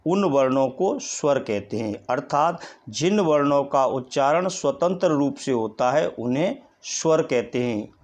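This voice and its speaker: A man teaching a recorded Hindi grammar lesson, repeating each definition and spelling out letters one at a time. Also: fairly high pitch.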